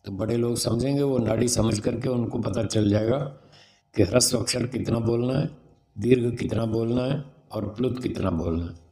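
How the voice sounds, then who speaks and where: Speaking at a normal speed in a warm, mid-range voice, this swami and spiritual teacher delivers a religious talk about raising children. He is patient in his explanations and pronounces syllables one by one as examples.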